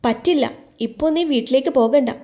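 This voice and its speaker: A woman's voice: high voice, fast, mellow, close to an everyday voice. A woman voicing a stern young husband who speaks firmly and curtly. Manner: firm, curt.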